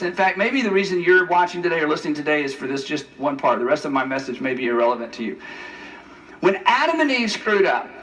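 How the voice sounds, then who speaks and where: A man preaching a sermon, animated and playful, acting out the lines of the people in the story. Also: sits high, far from the mic, rough recording. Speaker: pastor.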